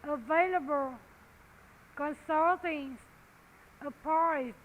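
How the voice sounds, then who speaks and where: A woman teacher with a Vietnamese accent, whose first language is Vietnamese, drilling English words one at a time and repeating each one clearly and deliberately. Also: high-pitched, low-quality recording. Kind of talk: slow word-by-word pronunciation drill.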